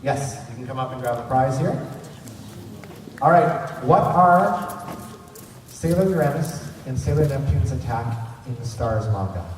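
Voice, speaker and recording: A man with a mid-range, animated voice and a slightly slow pace hosts a fan convention trivia panel, chatting informally and somewhat ramblingly to a live crowd. He's in a large indoor convention hall, captured from far away, so the sound is very echoey and noisy with room ambience.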